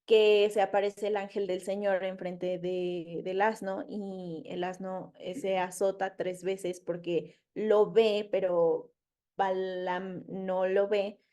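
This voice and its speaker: A woman's voice: medium pitch, little pitch movement, slow, warm tone, clear, resonant tone. A woman teaching a casual Bible study, chatty and loose, quizzing her listeners as she retells the story in her own words.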